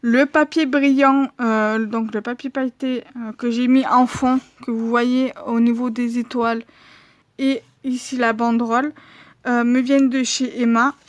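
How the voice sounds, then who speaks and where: Female crafting vlogger, unhurried and full of fillers, slightly high pitch, dry recording. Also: little pitch movement, no room sound. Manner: hesitant, many fillers, slow and chatty. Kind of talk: casual show-and-tell of handmade cards.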